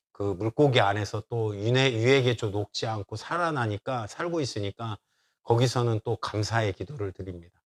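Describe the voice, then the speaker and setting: Korean pastor telling a story in a sermon. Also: male voice, mid-range voice. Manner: storytelling, acting out quoted voices; conversational with fillers. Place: church.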